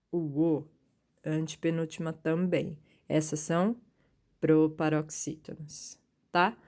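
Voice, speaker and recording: A woman teacher with a slightly low voice walks through a recorded lesson. She explains step by step and keeps checking in with her students as she goes. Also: darkish tone. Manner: patient, checks in often with "certo?" and "ok?".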